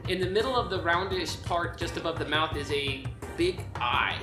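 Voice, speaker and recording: A woman with a lowish voice runs a tabletop game. She improvises descriptive narration in halting phrases. The room is echoey and music plays clearly behind her. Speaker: game master. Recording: roomy sound with music behind.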